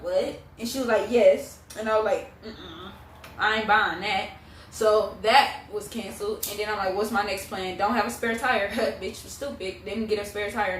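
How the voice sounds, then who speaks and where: A woman's voice: medium pitch, fairly even intonation, fast talker, hardly any pauses, a bit bright. A young adult woman telling a personal story in casual, slangy, blunt vlog chat, swearing freely. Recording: roomy echo, distant mic, faint noise.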